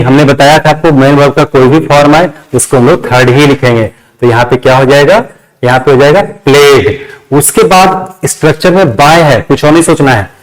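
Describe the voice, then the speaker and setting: A male English grammar teacher with an Indian accent and a mid-range voice gives a step-by-step classroom lesson. He repeats key phrases and answers his own questions, and the recording quality is low.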